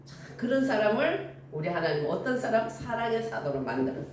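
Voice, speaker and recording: An older woman preaches a lively sermon, and her high voice swings up and down as she acts out each exchange. She sounds set back from the mic in a very echoey room, with a faint hum of ambience behind her. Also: brisk, far from the mic. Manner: animated storytelling with acted-out dialogue.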